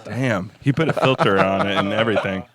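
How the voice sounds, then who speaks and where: A man's voice: lowish voice, a little fast, fairly bright tone. A man co-hosting a casual podcast, cheering the others on with short, hyped exclamations. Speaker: podcast co-host.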